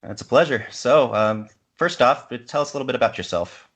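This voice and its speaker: A man's voice: mid-range voice, animated, brisk, fairly bright tone. A man guest-hosting a casual podcast interview, asking questions in a polite, appreciative way.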